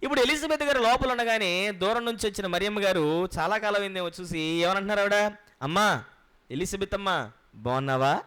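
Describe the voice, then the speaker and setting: A man preaching a Bible sermon who asks his listeners questions and answers them himself. He explains word meanings slowly and repeats the key points. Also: high-pitched, fairly bright tone, clear, resonant tone. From Andhra Pradesh, India.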